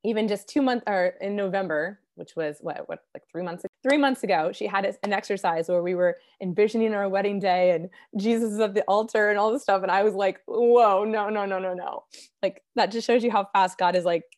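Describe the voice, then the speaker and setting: A woman giving an earnest, conversational Bible teaching, a little hoarse as she recovers from losing her voice, clearing her throat now and then. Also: medium pitch, darkish tone. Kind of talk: devotional Bible teaching talk.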